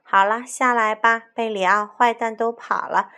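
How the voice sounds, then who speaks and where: A woman voicing a brave, bossy rooster hero in a children's story, loud and commanding. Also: medium pitch, animated, moderate pace, gravelly, slightly rough. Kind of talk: storybook voice acting.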